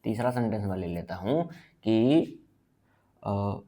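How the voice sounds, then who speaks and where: A man giving a blackboard grammar lesson, asking questions and answering them himself, and slowly stretching out his example sentences. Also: lowish voice, expressive, warm tone. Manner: drawn-out emphasis on example sentences. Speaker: English teacher.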